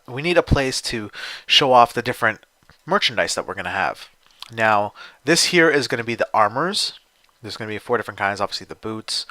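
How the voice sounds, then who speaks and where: A man's voice: lowish voice, sharp tone, dry recording. A young man casually commentating as he builds in a video game, rambling and thinking aloud with frequent fillers. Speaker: gameplay video host.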